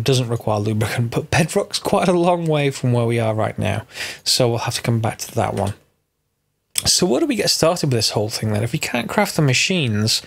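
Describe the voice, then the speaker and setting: A man with a stuffy, congested voice from a cold casually narrates a Minecraft mod tutorial, thinking aloud and correcting himself along the way. His voice is mid-range with vocal fry.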